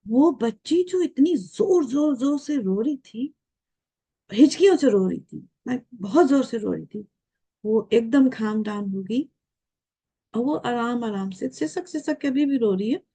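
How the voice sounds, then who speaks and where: An older woman in her late fifties speaks as a guest with an earnest, reflective manner. Her voice is warm and mellow and sits somewhat high. She keeps turning to the viewers with questions and slips English phrases into her talk. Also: slightly rough. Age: 50s.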